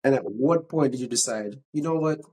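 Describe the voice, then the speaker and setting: A man's voice: mid-range voice, brisk, darkish tone, breathy edge, poor audio. A man hosting a podcast, asking questions in a chatty, hesitant way with restarts. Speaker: podcast host. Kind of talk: casual interview.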